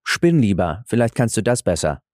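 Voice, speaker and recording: A man reading a gruff beggar husband. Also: lowish voice, very animated, normal speed, a little mellow, dry recording, studio quality. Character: stern beggar man, secretly a king.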